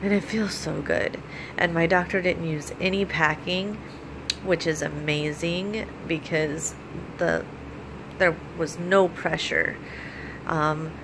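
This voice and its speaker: An American woman speaks in a slightly low register, in the casual style of a personal vlog. She explains practical steps informally, pausing and feeling for her words. A clearly noticeable layer of background noise runs under her voice. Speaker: vlogger.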